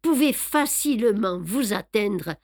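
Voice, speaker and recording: A woman's voice: medium pitch, slow pace, no echo, clean studio sound. A woman reading aloud and voicing a fussy, self-satisfied older male detective who boasts of his clever plans. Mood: reassuring. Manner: boastful, explaining, lively emphasis. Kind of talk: audiobook reading.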